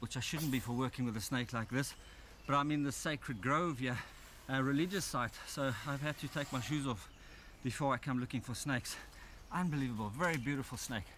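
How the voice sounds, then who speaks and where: A man's voice: medium pitch, background noise. A man presenting a wildlife documentary outdoors in a grove, explaining eagerly while handling snakes. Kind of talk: documentary narration and field presenting.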